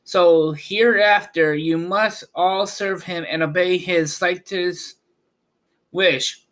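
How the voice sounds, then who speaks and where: A man voicing a tiny, proud field mouse queen in a squeaky storybook voice. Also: fairly even intonation, slow pace, a bit bright. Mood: commanding.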